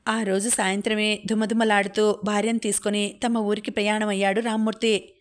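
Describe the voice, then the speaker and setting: Woman narrator, audiobook story, calm steady reading. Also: mid-range voice, fairly quick.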